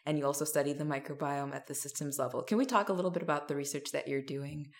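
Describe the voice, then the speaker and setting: A woman's voice: sits low, fairly even intonation, fast. A woman hosting a science interview podcast, reading an upbeat scripted introduction and then asking questions. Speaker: podcast host.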